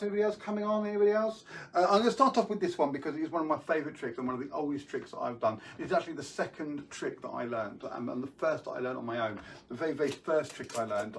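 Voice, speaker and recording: A man's voice: medium pitch, a bit bright, far from the mic, a little hiss or hum. A man hosting a live online magic show from home, chatting casually and greeting viewers by name. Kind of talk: casual live-stream chat.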